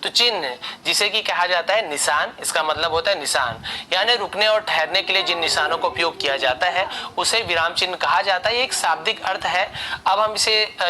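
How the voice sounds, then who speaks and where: A man's voice: high-pitched, sharp tone, slight background noise. A young man teaching a grammar lesson, patiently repeating example sentences aloud.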